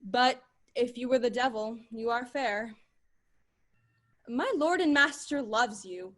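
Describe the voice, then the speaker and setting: A woman's voice: fairly high pitch, slow pace. A woman acting a young woman disguised as a page, speaking Shakespearean verse with earnest passion. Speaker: actor.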